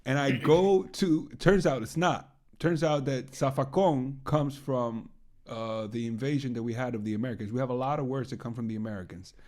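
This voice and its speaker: A man with a Dominican accent chats on a casual podcast and mixes English with Spanish words. He tells stories in an animated way and acts out the people in them. His pitch sits in the middle of the male range. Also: normal speed. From Dominican Republic. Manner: animated storytelling, acts out quoted exchanges. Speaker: podcast co-host. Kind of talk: casual bilingual podcast chat.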